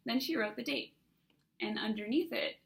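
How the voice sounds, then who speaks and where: A woman narrates a first-person fantasy novel aloud in an even storytelling way. Her voice sits a little high with a gravelly, fry-touched texture. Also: moderate pace. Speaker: author reading her own book.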